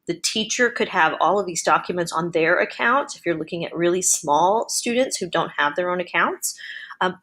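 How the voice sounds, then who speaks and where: A woman narrating an explanatory software tutorial as an educator. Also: medium pitch.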